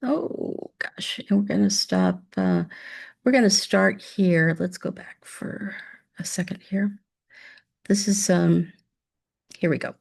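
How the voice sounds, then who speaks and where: A woman's voice: lowish voice, wildly swooping pitch, slow, gravelly, darkish tone. A woman teaching a demo math lesson over screen share, upbeat and chatty, talking to imagined students.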